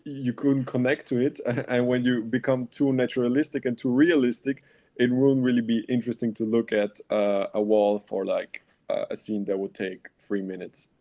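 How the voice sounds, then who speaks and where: A young man raised in Austria with Bulgarian as his first language, answering questions as a film director at a festival Q&A in a halting, reflective way. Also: mid-range voice, mellow. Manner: halting and reflective, with light laughs.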